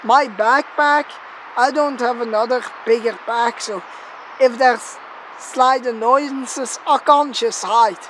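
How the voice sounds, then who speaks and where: Outdoors in an open area near a road, a woman rambles casually while presenting a megaphone test video, swearing and poking fun at herself. Her voice is on the high side and fairly bright, she takes things slowly, and the location recording is noisy.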